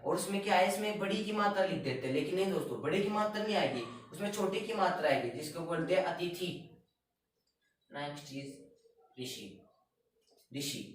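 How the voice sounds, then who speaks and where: A man teaching correct spelling in a spoken lesson, asking and answering his own questions and repeating words slowly. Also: high-pitched, distant mic. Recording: echoey room, voice off-mic.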